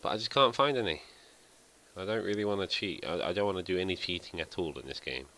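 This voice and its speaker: This gameplay commentary comes from a man whose voice is extremely deep yet bright and forward, and he talks fast. He drifts through his game casually, musing aloud and poking fun at himself as a let's play host would.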